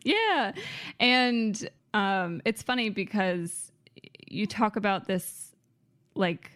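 A woman's voice: mid-range voice, lively intonation, very slow, dry recording, clean studio sound. A young adult woman hosting a casual interview podcast, enthusiastic and full of "like" and "um". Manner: warm, enthusiastic, uses many fillers like "like" and "um". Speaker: podcast host.

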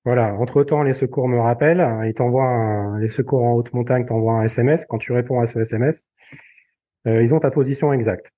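A man telling a personal story in casual conversation, halting and full of fillers and repeated words. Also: mid-range voice, mellow. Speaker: podcast guest.

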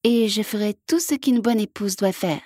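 A woman voicing a small, gentle female frog princess who speaks softly in a little voice for a children's storybook. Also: medium pitch, normal speed, no echo, studio quality, pitched above the performer's own voice, close to an everyday voice. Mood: tender. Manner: soft, small voice.

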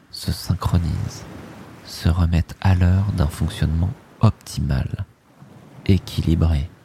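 A man leads a guided sleep hypnosis in a low, soft, hushed voice, soothing and drifting through short phrases that often fade into a breathy whisper. There is a little hiss or hum in the background.

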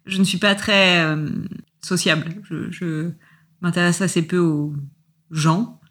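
A woman's voice: on the low side, steady tone, slow, fairly bright tone. A woman voicing a shy, curious party guest who speaks hesitantly, with many fillers.

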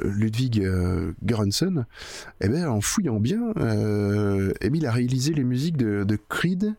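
Male podcast host with a cold, low and dry, hesitant casual delivery full of fillers. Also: darkish tone, no echo. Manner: hesitant, lots of filler sounds and restarts. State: voice deepened by a winter cold. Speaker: podcast host presenting music. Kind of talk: casual solo radio-style chat.

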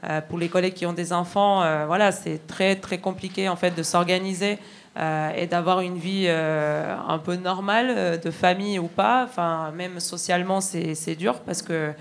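A woman's voice: lowish voice, steady tone, normal speed, slight background noise. A woman from Argentina, a railway worker, speaking earnestly with lots of hesitations and restarts. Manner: many fillers and restarts, earnest. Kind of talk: hesitant spoken testimony.

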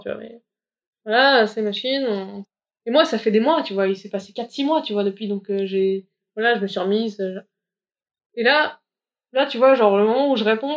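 A woman's voice: medium pitch, muffled recording. A woman telling her own story in the first person, frank and slangy, acting out the dialogue she remembers.

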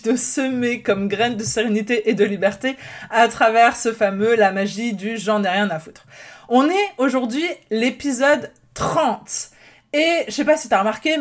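A woman hosting a casual personal-development podcast, chatty, laughing often, with many fillers and restarts. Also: a little high. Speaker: podcast host.

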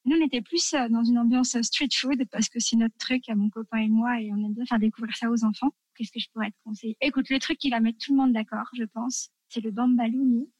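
A woman's voice: fairly high pitch, fairly even intonation, a little fast, hardly any pauses, a little mellow, no room sound. A woman from France chatting enthusiastically as a guest, full of fillers and asides as she recommends favorite dishes. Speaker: guest sharing food tips. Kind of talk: casual chat.

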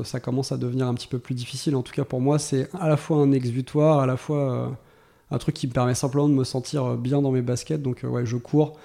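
A man in his thirties talks through his answers as a podcast guest, his voice mellow and dark with a gravelly edge. He stops, restarts and fills pauses as he works out what he wants to say. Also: mid-range voice. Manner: thoughtful, many hesitations and restarts. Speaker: guest, tech executive. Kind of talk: casual interview talk.

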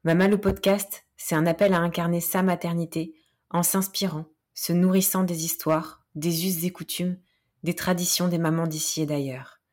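A woman's voice: lowish voice, steady tone, normal speed. A woman, hosting a podcast interview, hesitant and laughing often. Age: 30s. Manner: hesitant, warm thanks with frequent laughs and fillers. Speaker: podcast host.

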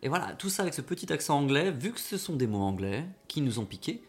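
A man's voice: fairly high pitch, sing-song, fast, soft background music. A man co-hosting a comedic show, rambling and stumbling over repeated words. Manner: rambling, stammering repetitions. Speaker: co-host. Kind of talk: comedic radio banter.

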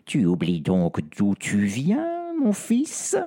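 A man puts on an old vampire grandmother, indignant and reproachful, in a husky voice that climbs and drops dramatically. She scolds her grown son firmly. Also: on the low side, wildly swooping pitch, takes it slowly, dark tone, full character voice.

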